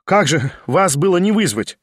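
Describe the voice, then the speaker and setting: Man doing a stern second yelling orders, high and loud. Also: big pitch swings, moderate pace, slightly rough, no echo, studio quality, full character voice. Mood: exasperated. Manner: loud, commanding. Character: stern male duel second giving commands.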